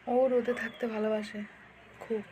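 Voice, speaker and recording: A young mother, chatting casually in a home vlog, speaking softly so as not to wake her husband, with many fillers. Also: a little high, level tone, normal speed. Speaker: vlogger and mother. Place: sunny home balcony. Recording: clear background noise.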